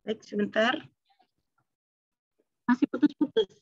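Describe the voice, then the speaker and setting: A woman leads an online study class in a soft, halting way, with many pauses and fillers. Her voice comes through a weak connection that breaks up, chops words and adds a robotic warble. The sound is dull and lo-fi throughout. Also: on the high side, sing-song. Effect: choppy video-call audio that keeps cutting out and sounds robotic. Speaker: religious study teacher. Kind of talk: online lecture over a video call. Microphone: video call. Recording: dull, lo-fi video-call audio.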